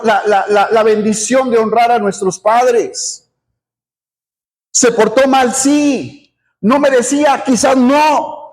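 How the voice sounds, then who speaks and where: A middle-aged man preaches from the pulpit in a strikingly high voice. His delivery is earnest, circling back on words and adding an amen as he makes his point. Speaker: pastor. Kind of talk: sermon.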